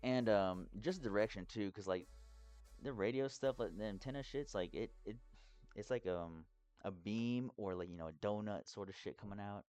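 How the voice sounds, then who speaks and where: A man from Texas giving a casual, rambling explainer vlog as a hobbyist, sounding drunk, halting and swearing freely. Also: on the low side, darkish tone, no echo, faint music behind. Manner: tipsy, rambling drunk talk with halting phrases and heavy swearing. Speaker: hobbyist presenter.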